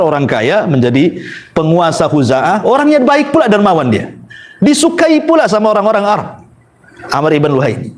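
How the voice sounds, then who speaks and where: A man gives a religious lecture in a lively storytelling manner. His voice sits high and swings widely, rising on questions and dropping for quiet asides, with small chuckles and quick self-corrections. A faint background hiss stays under his voice throughout. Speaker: Islamic preacher.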